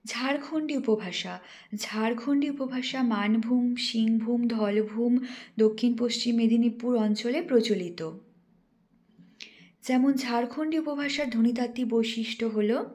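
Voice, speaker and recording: A young woman, a teacher trainee, reading a lesson aloud in a careful, instructive way and slowing down to spell out example words. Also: a little high, warm tone. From West Bengal, India. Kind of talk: read-aloud lesson presentation.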